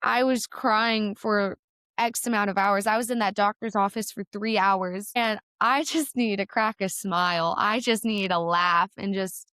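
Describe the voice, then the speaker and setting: A young American woman recounts her story for a podcast in a smooth, resonant voice. She talks earnestly and near tears at times, then breaks into laughter. The sound is close and dry. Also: fairly high pitch, fairly bright tone, no echo. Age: young adult. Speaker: guest, college gymnast. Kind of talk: emotional personal story in a podcast interview.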